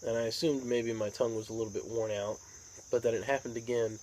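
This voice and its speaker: An American man talking in a casual, rambling monologue, unhurried and musing, like a hobby vlogger. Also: mid-range voice, steady tone, a little mellow, low-quality recording. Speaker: pipe tobacco vlogger. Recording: outdoor insect and cricket noise.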